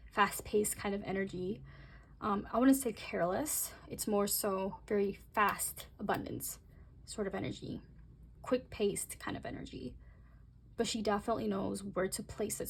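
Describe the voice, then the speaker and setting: A woman giving a chatty, rambling tarot reading, speaking straight to her viewers and talking fast by her own account. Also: mid-range voice, darkish tone, slight background noise. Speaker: tarot reader. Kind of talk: casual tarot reading to camera.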